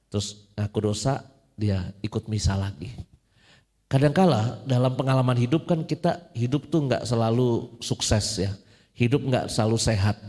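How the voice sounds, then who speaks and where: Man, priest, casual joking sermon, mellow voice, long hall reverb. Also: medium pitch. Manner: casual, joking preacher mixing in English phrases.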